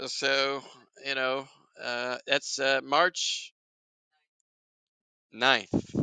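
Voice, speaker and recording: A man's voice: mid-range voice, little pitch movement, extremely slow, sharp tone, clear, resonant tone, no echo. A man hosting a live soccer watchalong stream, chatting to his viewers in a rambling, casual way.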